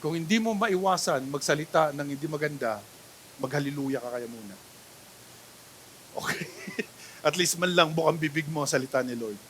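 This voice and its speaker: A male pastor with a Filipino accent preaching a sermon, mixing Tagalog and English, swinging between loud exclamations and quiet asides and often checking in with the congregation. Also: on the high side, a little hiss or hum.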